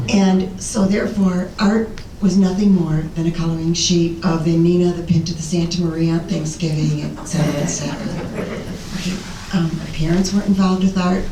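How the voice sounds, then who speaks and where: An older American woman with a raspy voice, giving an informal, rambling, self-deprecating talk about herself as a presenter. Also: warm tone. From Illinois, United States. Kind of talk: informal autobiographical talk to an audience. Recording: roomy, distant mic, faint rumbling noise.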